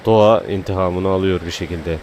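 A man giving casual gameplay commentary, calmly explaining menus and then playfully shouting at the game creatures. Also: sits low, fairly quick, noisy background. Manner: playful, talks to the game creatures in bursts of excitement; laid-back walkthrough talk between outbursts. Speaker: gaming and tech YouTuber.

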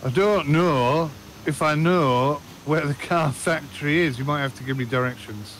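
A man hosting a casual gaming session, chatty and quick to laugh while playing with a friend. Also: on the high side, fairly bright tone, slight background noise. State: slight frog in throat. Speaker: gaming channel host.

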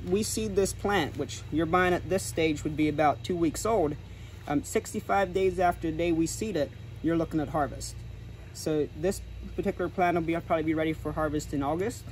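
Filmed on a handheld camera a few steps off, a young man guides viewers informally through large greenhouses and a garden center yard, explaining as he goes. His voice is a little high and a little mellow, and the low-quality recording has clear background noise.

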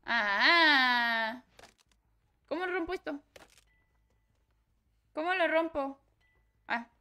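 Excitable high-voiced Mexican woman streamer. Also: slow pace. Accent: Mexican Spanish. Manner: excitable, swears and shouts at the game. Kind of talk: live gameplay commentary.

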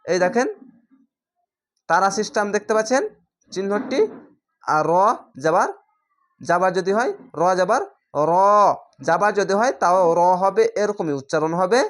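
A Bangladeshi woman with a mid-range voice gives a step-by-step Quran reading lesson. She sounds out each letter slowly, louder and more drawn out than her plain explanations in between.

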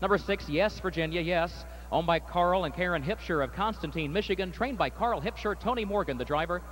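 High-voiced man calling a harness race. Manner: rapid rising race call, steady formal post parade. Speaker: track announcer. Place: outdoor racetrack. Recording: faint outdoor noise.

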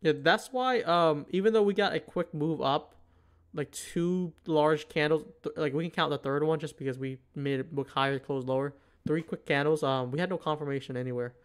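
A man's voice: on the high side, normal speed, clean tone. A man giving casual live trading commentary, thinking aloud in a hesitant way. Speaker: livestream host, futures trader.

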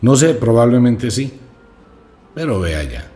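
A man voicing a calm, kindly male master who gives guidance in a told story. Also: medium pitch, a little slow, voice pushed up. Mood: guiding.

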